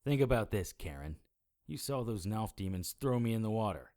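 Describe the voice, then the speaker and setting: In an audio drama, a man voices a wry, weary supernatural private investigator, narrating in first-person noir style with a dry, sardonic manner. His fairly low, dark-toned voice is expressive and moves at a moderate pace. He sounds wary and seems to be reasoning things through.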